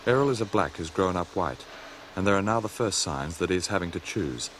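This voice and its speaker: Low-voiced Australian documentary narrator. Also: male voice, lively intonation, a little fast. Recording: noisy old documentary film audio.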